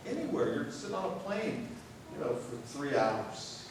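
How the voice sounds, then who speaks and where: A man's voice: fairly high pitch, very animated, moderate pace, a little hiss or hum. An older man preaching a sermon as a pastor, telling stories in a folksy way with light humor. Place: church sanctuary. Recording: very echoey hall recorded from far off.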